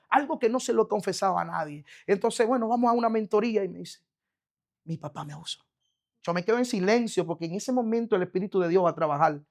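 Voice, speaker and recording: A woman preacher giving a fervent sermon, calling the listeners her brothers and having them repeat after her. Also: mid-range voice. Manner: fervent, addresses congregation as brothers.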